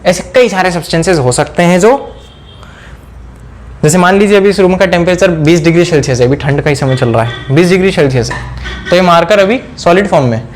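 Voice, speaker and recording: A man teaching a whiteboard science lesson, asking questions and answering them himself, repeating key terms slowly. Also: high voice, soft background music. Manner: mixes in English phrases, repeats key words slowly. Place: indoor room.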